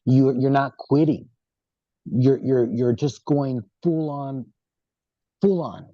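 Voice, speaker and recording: A man's voice: mid-range voice, slow pace, no echo. A man co-hosting a casual talk show, speaking in an emphatic, affirming way. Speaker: podcast co-host. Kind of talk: casual conversation. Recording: dull dry lo-fi sound.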